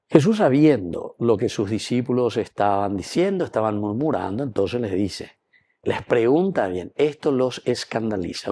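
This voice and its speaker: Male priest, Paraguayan accent, mid pitch with a creaky edge; animated homily, rhetorical questions. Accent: Paraguayan Spanish. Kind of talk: homily at Mass.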